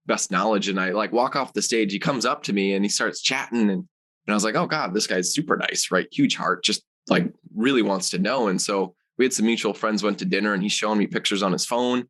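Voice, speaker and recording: A man, a guest on an interview podcast, telling personal stories in a casual, rambling way with lots of fillers. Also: fairly low pitch. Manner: animated, rambling with many fillers. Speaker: guest, supplement company founder.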